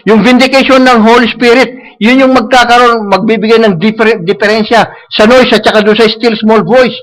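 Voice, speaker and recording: A man with a notably high voice preaches a sermon in a church, his plain as he slides between Tagalog and English. He hammers points home by repetition and keeps checking in with a questioning "No?". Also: fairly even intonation, moderate pace, fairly bright tone, poor audio. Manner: switches between Tagalog and English, tags lines with "No?"; repeats himself for emphasis. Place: church service.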